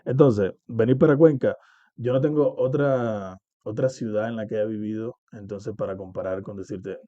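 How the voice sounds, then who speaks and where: A man's voice: fairly low pitch, moderate pace, dry recording, dull audio. A man from Cuba, talking casually and reflectively as an interview guest, often checking in with "¿entiendes?". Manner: reflective, uses many fillers and "¿entiendes?".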